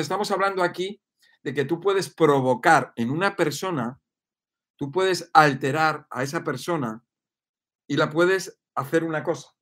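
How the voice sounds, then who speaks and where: A man's voice: on the high side, fairly bright tone. A man giving an emphatic, repetitive motivational monologue. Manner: emphatic and repetitive, often asking "¿ves?" and "¿vale?". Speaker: speaker on personal growth.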